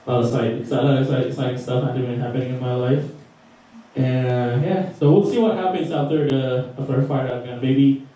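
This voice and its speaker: This young stand-up comedian from the Philippines speaks at medium pitch, steadily and quickly, with a dark tone and a Filipino accent. His set at a small record store stage is profane, and he laughs at his own jokes, captured in a roomy, distant live recording.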